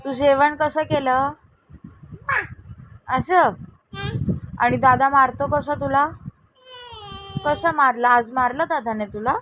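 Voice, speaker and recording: High-voiced mother coaxing a baby. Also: steady tone, takes it slowly, long pauses, pushed and bright, slight background noise, rough recording. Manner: coaxing, questioning. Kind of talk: playful baby talk.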